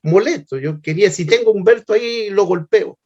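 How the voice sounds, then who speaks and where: An older man giving a heartfelt, halting personal testimony. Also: high-pitched, darkish tone. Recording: slightly muffled lo-fi recording.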